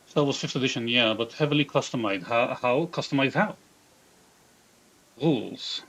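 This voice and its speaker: A man with a mid-range, fairly bright voice and an Israeli accent, who is from Israel, streams live while building a game character. He reads the chat aloud and mutters half-finished sentences to himself, all in dull, lo-fi stream audio.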